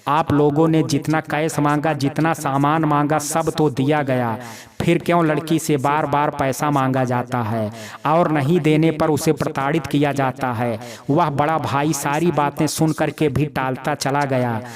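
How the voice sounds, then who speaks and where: A man tells a sad family drama as an audio story, in a fairly high voice with a plain, steady delivery. Crowd chatter is clearly heard behind him the whole time. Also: measured pace. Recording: crowd noise in background.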